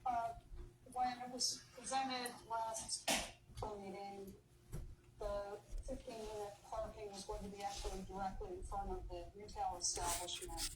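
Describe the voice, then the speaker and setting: A council woman asks careful questions, hesitant and a little unsure. Her voice is mid-pitched. She sounds faint and far from the microphone in an echoey room with noticeable background noise. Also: steady tone, unhurried. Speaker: council member. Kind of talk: questions at a public meeting. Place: community center meeting room. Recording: distant, echoey, noisy mic.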